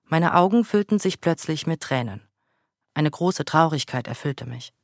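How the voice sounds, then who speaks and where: A man reading a first-person memoir aloud in a calm, measured way. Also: fairly high pitch, gravelly, no room sound, clean studio sound.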